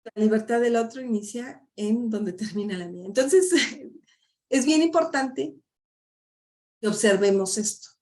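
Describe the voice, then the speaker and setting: A woman's voice: on the high side, a little slow, long pauses, darkish tone. A middle-aged woman, a life coach giving a chatty workshop talk full of tag questions. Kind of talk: live online workshop talk.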